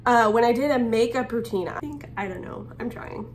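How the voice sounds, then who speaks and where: A woman's voice: on the high side, a little fast. A woman in her twenties, a stay-at-home mom, chatting casually and rambling a little while filming herself at home. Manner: chatty, rambling, with fillers and restarts. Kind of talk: casual get-ready-with-me vlog. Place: home, by a small guest bathroom. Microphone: phone held at arm's length. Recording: home vlog with faint fan noise. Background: air conditioner hum.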